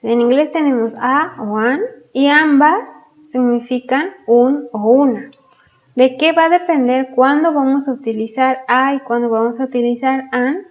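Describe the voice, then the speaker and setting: A woman explains English grammar to learners, taking her time and spelling out each example word carefully. Her voice sits a little high and she speaks very slowly. The recording is muffled and lo-fi. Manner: patient, models English words slowly and clearly. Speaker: English teacher. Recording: dull lo-fi sound.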